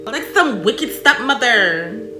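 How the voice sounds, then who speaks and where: An American woman giving casual reaction commentary in an animated, emphatic way with plenty of swearing and slang. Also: a little high, slow, noisy background. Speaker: reaction video host. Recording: roomy echo, music behind.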